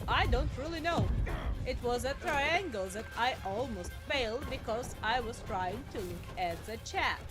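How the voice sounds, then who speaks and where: A woman streamer doing a stiff robot voice while commenting on a game, with flat, formal machine-like phrasing. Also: on the high side.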